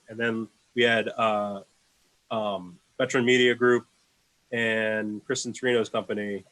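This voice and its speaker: A man on a video call answering questions in loose, casual speech. He rambles, restarts his sentences and fills his pauses with ums. His voice sits at an ordinary middle pitch. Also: a bit bright, poor audio. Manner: rambling, many fillers and restarts. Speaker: in-house video producer for a sports team.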